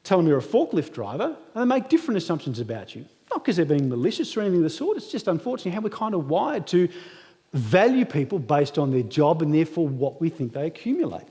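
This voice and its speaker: Here a man in his thirties gives a graduation ceremony's guest speech, poking fun at himself to motivate the audience. His dark-toned voice sits on the high side, sing-song and quick, echoing through a large hall.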